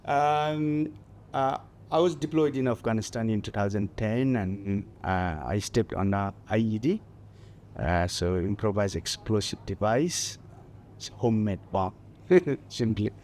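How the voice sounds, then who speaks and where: Halting Nepali-accented man in interview. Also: lowish voice, darkish tone, slight background noise. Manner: halting, many fillers, laughs lightly. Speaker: guest mountaineer. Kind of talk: festival stage interview.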